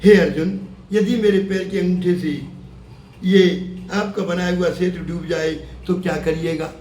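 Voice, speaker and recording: A man voicing a proud, calm male monkey god in a devotional tale, speaking in a measured, gently amused way. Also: sits high, natural voice. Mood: calm, assured. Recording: echoey room, mic far off, faint hum.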